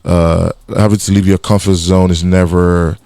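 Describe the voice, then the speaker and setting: In a radio studio, a Nigerian guest musician with a Nigerian accent chats casually in an interview, often restarting and repeating words. His deep voice is level, creaky and mellow at a normal speed, on a dry recording.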